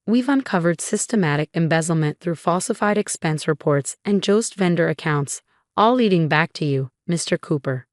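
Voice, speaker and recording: A woman voicing a calm male colleague who lays out evidence in a matter-of-fact, low voice. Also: moderate pace, no echo, clean studio sound, close to an everyday voice.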